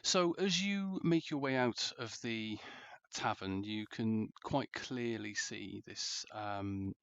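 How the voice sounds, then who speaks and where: Relaxed low-voiced dungeon master. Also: male voice, vocal fry, clear, resonant tone, no room sound. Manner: relaxed and halting, with many fillers. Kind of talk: narrating a tabletop game. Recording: dull lo-fi sound.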